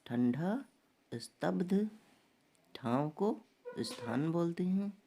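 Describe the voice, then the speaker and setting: A man teaching an exam-prep lesson, reading out word pairs one by one in a slow, deliberate, dictation-like way. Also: a little high, animated, creaky, mellow. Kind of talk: online lesson reciting vocabulary pairs.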